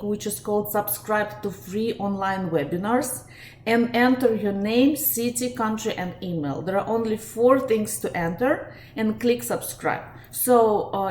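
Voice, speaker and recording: With a mid-range, slightly mellow voice, the Russian-accented life coach speaks to her live webinar audience steadily and sincerely, using frequent fillers. The sound is echoey, with faint noise around her.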